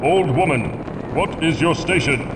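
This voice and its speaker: An actor voicing a haughty Aztec warrior deity in a video game, making stern, righteous, solemn declarations. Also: male voice, on the high side, animated, measured pace, recorded from a distance, background noise. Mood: solemn, declaring.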